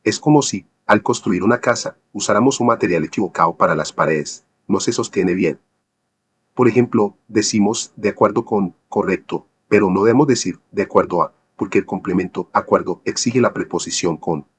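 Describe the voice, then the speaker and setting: Male lecturer, low husky voice, measured scripted explaining, asks rhetorical questions. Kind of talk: scripted educational narration.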